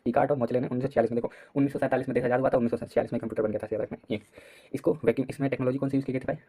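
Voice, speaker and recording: A young man giving a casual exam-prep lesson, talking in a quick, repetitive way and often clearing his throat. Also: medium pitch, flat delivery, dark tone. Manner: rapid, repetitive, casual, addresses students as "bhai". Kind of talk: fast late-night revision lecture.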